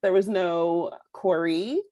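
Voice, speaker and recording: A woman co-hosting a podcast in casual chat, talkative and quick to laugh. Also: lowish voice, fairly even intonation, warm tone. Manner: chatty, laughs often. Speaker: podcast co-host.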